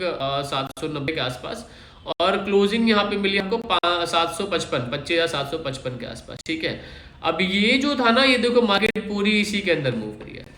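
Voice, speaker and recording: Male trading host, casual explainer, checks in with listeners often; tense bright tone, roomy recording. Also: high voice. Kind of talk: casual chart walkthrough. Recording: echoey room.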